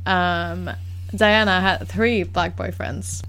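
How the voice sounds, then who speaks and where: A woman's voice: fairly low pitch, steady tone, takes it slowly, a bit bright, clear, resonant tone. A woman co-hosting a podcast, mostly adding short agreements and dry quips to a casual film chat. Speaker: podcast co-host.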